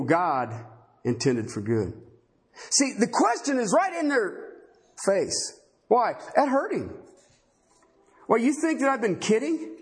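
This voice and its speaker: Animated male preacher with lively pitch. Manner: animated, acts out biblical voices, asks rhetorical questions. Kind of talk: sermon.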